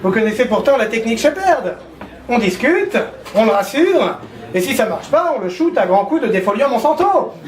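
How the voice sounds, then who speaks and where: A man's voice: extremely high pitch, sing-song, moderate pace, background noise. A male comedian performing a stand-up sketch, playing a pompous TV doctor with theatrical asides. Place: stage before a live audience. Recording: echoey hall with live audience laughing.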